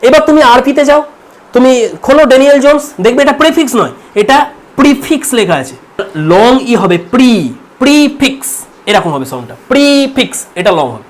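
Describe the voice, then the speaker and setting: Fast-talking teacher from India. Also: male voice, very high-pitched. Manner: explanatory, repeats words slowly to model sounds. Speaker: English teacher. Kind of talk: online pronunciation lesson.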